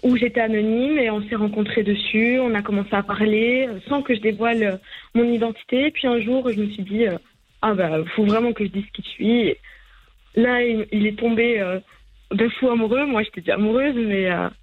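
A woman from Belgium with a Belgian French accent, calling a talk show and speaking hesitantly with many pauses. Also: a little high, steady tone, narrow, tinny audio. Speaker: caller.

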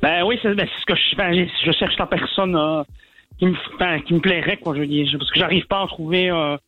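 A man calling in to a radio show, halting and searching for words over a dull phone line. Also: a little high, steady tone. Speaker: caller. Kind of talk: phone-in chat.

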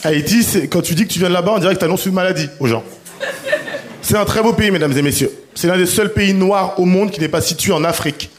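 A man in his thirties from the Paris suburbs, with a Paris-area French accent, does a self-deprecating stand-up set straight to a live audience. His voice is high-pitched and fast, and the recording carries background noise and audience laughter.

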